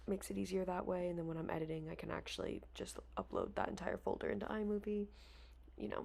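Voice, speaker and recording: Young woman rambling thru a reset vlog, low-ish gravelly voice, lots of likes and ums, faint hum behind her. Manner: hushed voice-over stretches. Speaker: lifestyle vlogger. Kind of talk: casual reset vlog chat. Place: apartment, dryer rumbling behind.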